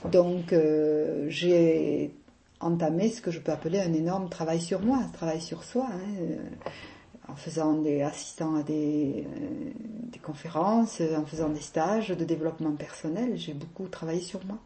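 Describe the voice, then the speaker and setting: Laughing southern French woman, mellow voice. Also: low-pitched, normal speed, slight background noise. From south of France. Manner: chatty, laughs often, hesitant with many fillers. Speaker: interviewee. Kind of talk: casual personal conversation.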